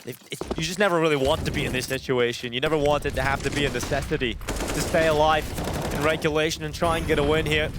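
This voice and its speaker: A man's voice: on the high side, fairly even intonation, quick pace, noisy background. A man working as an esports caster, calling live play-by-play in dramatic, punchy short phrases. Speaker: esports commentator. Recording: game gunfire and clicks behind voice. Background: game gunfire and clicks.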